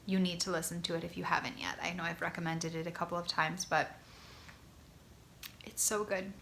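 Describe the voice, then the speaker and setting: A woman's voice: on the low side, bright, forceful tone, slight background noise. Congested, gushing woman knitting vlogger. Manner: enthusiastic, gushing, frequent ums. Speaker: knitting podcast host. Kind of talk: casual knitting vlog chat. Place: guest bedroom at home.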